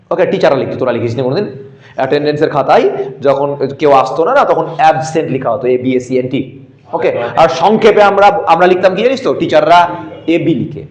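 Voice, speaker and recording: Echoey male geography teacher lecturing. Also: sits high. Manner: spells out terms letter by letter, quizzes students. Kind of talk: classroom lecture. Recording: echoey room.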